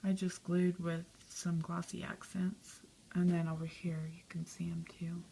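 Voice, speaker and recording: Soft-spoken woman with a low, flat voice. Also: a little slow, vocal fry, slight background noise, low-quality recording. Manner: soft, chatty, lots of "um" and "and then". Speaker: craft vlogger. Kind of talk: casual show-and-tell narration.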